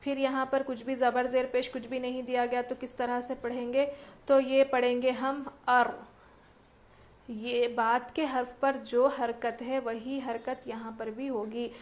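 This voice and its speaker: A woman teaches the rules of Quran recitation in a tajweed lesson with recited examples, patiently working through each point step by step and posing rhetorical questions. Her voice is a little high and her delivery flat.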